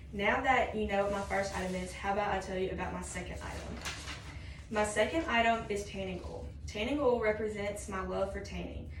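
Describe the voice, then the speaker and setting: Young woman giving a speech in a roomy space. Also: medium pitch. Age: young adult. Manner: scripted, signposted point-by-point delivery. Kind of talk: prepared introductory class speech. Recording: roomy, distant mic with faint noise.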